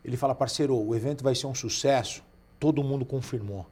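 A man's voice: medium pitch, quick pace, breathy edge. A man in his forties from Brazil, telling anecdotes in casual chat and acting out the voices of the people in them. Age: 40s. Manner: lively anecdotal, acts out quoted voices. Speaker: podcast guest. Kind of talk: casual storytelling.

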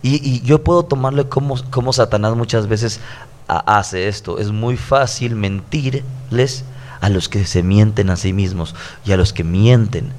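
A man's voice: fairly low pitch, a little slow, a little mellow. A man in his thirties with a Mexican accent, a pastor who preaches conversationally on a podcast and repeats his points earnestly. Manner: earnest, preachy, stacked repetitions.

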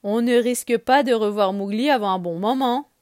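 A woman voicing a wise female panther in a storybook, high and amused. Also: normal speed, a little mellow, no room sound, studio quality, close to an everyday voice. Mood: teasing.

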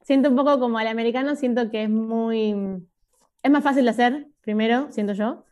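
A woman's voice: fairly high pitch, steady tone, a little fast, a little mellow. A young woman, chatting as an interview guest in a loose, musing way full of filler phrases. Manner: musing, loose, full of "o sea" and "como que". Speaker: guest, video creator. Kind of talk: casual interview chat.

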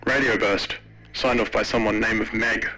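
A man voicing a terse male shore commander whose lines come over a radio, flat and matter-of-fact. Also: lowish voice, moderate pace, faint music behind.

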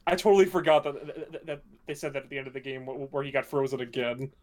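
A man's voice: medium pitch, fairly even intonation, fast, a little mellow. A young man in a casual game chat who restarts his words a lot and gets enthusiastic and defensive.

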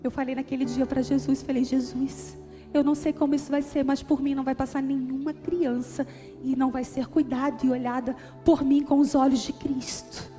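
Faint music and long reverb surround a woman's sermon in a church hall auditorium. Speaking with a Brazilian Portuguese accent in a high-pitched, mellow voice at normal speed and a level tone, she earnestly tells a personal story and builds to emphatic appeals.

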